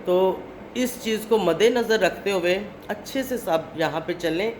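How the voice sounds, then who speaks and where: A woman's voice: mid-range voice, a little mellow, slight background noise. A woman from Pakistan, a family vlogger, speaking straight to camera in an indignant, lecturing way and often tagging her points with "okay?". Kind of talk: to-camera vlog monologue.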